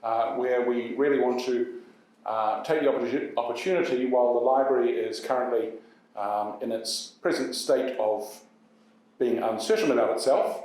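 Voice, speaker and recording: A New man hosting an event as MC, talking in a halting way full of uhs and restarts. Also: medium pitch, darkish tone. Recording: echoey hall from far off.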